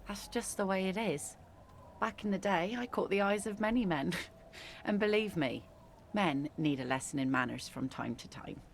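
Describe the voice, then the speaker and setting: A woman playing a hardened middle-aged widowed fisherwoman in a video game, talking like an old sailor, dry, blunt and gravelly. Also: medium pitch, moderate pace, a little hiss or hum, lightly acted. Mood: wry. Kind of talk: video game character dialogue.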